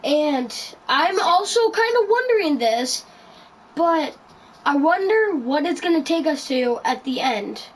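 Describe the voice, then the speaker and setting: A woman's voice: high-pitched, lively intonation, unhurried, poor audio. A woman hosting a casual podcast chat, rambling through her story with lots of ums and likes. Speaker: podcast host.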